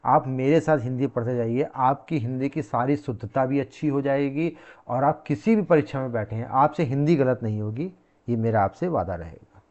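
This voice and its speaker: Male teacher, lecture style, repeats and quizzes the class; warm dark tone. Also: mid-range voice, moderate pace, muffled recording. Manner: repeats key words, quizzing the class with questions.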